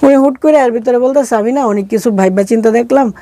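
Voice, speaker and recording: A middle-aged woman with a Bangladeshi accent tells a personal story as an interview guest, speaking colloquially and acting out quoted dialogue. Her voice is a little high and mellow, her pace quick, with no echo.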